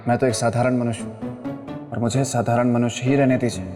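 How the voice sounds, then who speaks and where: A man's voice: medium pitch, flat delivery, brisk, lightly acted. An earnest, humble king voiced by a man with a mid-range, formal, respectful delivery. The sound is echoey, with a faint music bed beneath. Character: humble, earnest male king, Raja Bhoj. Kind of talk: TV mythological drama acting. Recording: reverberant studio with music behind.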